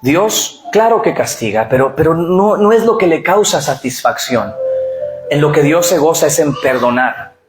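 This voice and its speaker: A middle-aged pastor preaches a sermon and urges the congregation to repeat phrases aloud. His fairly high voice is animated and moves at a normal speed. The recording captures an echoey church hall with music.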